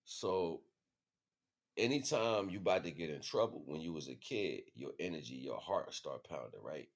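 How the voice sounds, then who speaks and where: Hosting a livestream, this American man speaks with an extremely low pitch and lively intonation at a normal pace. His spiritual talk is informal, emphatic and repetitive, full of slangy street language.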